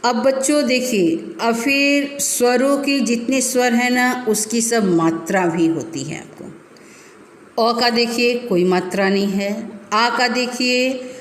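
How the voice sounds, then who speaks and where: A woman teacher giving a recorded grammar lesson to children, explaining slowly and repeating terms. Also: on the high side. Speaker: school teacher. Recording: echoey room with long reverb.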